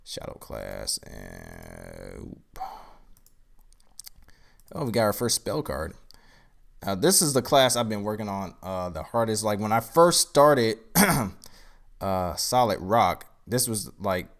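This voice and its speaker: Groggy low-voiced man rambling. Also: lively intonation, a little slow. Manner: rambling, thinking aloud while explaining. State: groggy, tired from a long day. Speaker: card game creator. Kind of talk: casual live stream card showcase.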